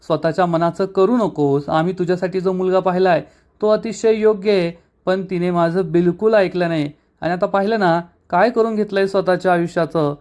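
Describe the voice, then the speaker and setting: A middle-aged mother in a serial recap, hurt and pleading for her daughter, voiced by a male narrator. Her words come high and strained. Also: fairly even intonation, a little fast, darkish tone, lightly acted.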